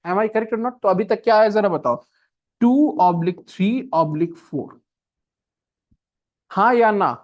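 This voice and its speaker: A man's voice: high voice, a little mellow. Male classroom teacher walking students through a puzzle, checking in constantly. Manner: checks with students again and again, mixing Hindi and English. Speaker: coaching teacher. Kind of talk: classroom lecture on a reasoning puzzle.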